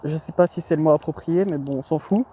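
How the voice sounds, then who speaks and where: A man's voice: on the high side, quick pace, dark tone, breathy edge. A young man telling anecdotes in a rambling, slangy, self-mocking vlog, full of hesitations. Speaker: vlogger. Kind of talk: casual storytelling vlog.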